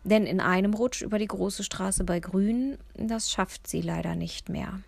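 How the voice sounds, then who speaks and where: A woman narrating a children's storybook in the first person, with a lively, expressive reading. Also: mid-range voice, a little slow, creaky, dry recording. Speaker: audiobook reader.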